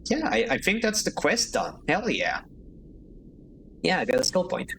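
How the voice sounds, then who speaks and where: Male streamer, casual, chatty, giggly, middle pitch, game narration. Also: a bit bright, a little hiss or hum, low-quality recording. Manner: chatty and giggly, talking to chat.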